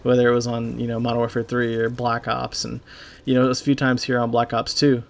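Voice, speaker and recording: A young man giving a halting, casual voice-over over gameplay, full of fillers and swearing, as a clan leader recalling a friend. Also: medium pitch, monotone, vocal fry, slight background noise. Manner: halting, rambling, heavy with fillers; casual and profane. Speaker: gaming YouTuber and clan leader.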